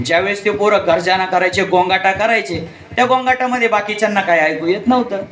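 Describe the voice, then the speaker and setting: High-voiced male kirtan preacher, echoey hall. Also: fast, a bit bright. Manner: acts out characters' voices while telling stories. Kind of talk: devotional storytelling sermon.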